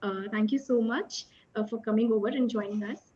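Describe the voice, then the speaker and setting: A woman's voice: on the high side, brisk, mellow, lo-fi sound, faint music behind. A woman with an Indian English accent moderating a virtual panel discussion, hesitant, with many filler sounds. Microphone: video call.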